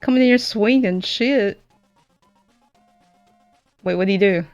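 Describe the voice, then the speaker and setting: Brief: woman, sharp-tongued, teasing friend, dry close mic with faint music. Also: mid-range voice, takes it slowly, dry recording, dull audio. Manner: blunt, swears, teasing. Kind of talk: casual chat over voice call.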